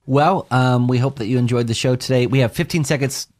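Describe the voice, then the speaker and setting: A man hosting a pastors' podcast, brisk and jokey as he wraps up the show. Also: medium pitch, a little mellow. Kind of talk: podcast sign-off.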